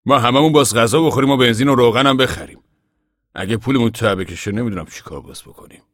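A man's voice: medium pitch, a bit bright, no room sound, studio quality, voice pushed up, lightly acted. A man voicing a worried, earnest aging father in an audiobook reading. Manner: anxious, earnest. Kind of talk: audiobook character voice.

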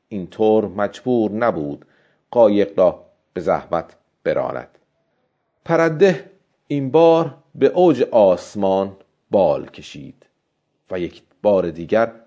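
Low, mellow male audiobook narrator. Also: highs cut off. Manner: calm, steady storytelling.

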